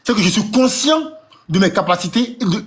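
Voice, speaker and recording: A man's voice: high voice, animated, brisk. A man challenging others in a heated live debate, insistent, stammering and repeating himself. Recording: faint background noise.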